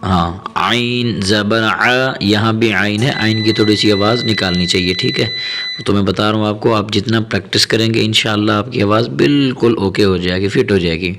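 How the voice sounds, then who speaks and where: A man teaching Quran reading to children, slowly drawing out syllables and then explaining quickly and patiently. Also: on the low side, fairly even intonation, fairly bright tone, slight background noise. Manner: patient, repeats syllables slowly, then explains rapidly with frequent "theek hai". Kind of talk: tajweed lesson, slow drawn-out recitation alternating with quick explanation.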